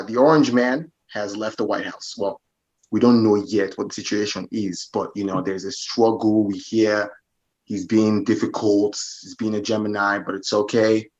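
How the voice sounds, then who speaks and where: A man co-hosting a podcast in casual chat, joking and playful, in a muffled lo-fi recording. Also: lowish voice. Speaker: podcast co-host.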